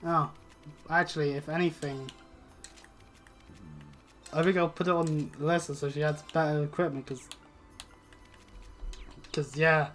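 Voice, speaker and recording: British let's player, mid-pitched voice, sweary and sardonic rambling commentary over game music. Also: fairly even intonation, measured pace, pauses often, a bit bright. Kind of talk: casual gameplay commentary. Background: video game music.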